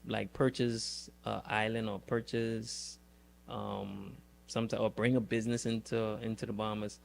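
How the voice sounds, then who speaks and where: A man's voice: on the low side, level tone, moderate pace, vocal fry. A man hosting a podcast in a casual chat, laid-back, asking short questions and murmuring agreement. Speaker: podcast host.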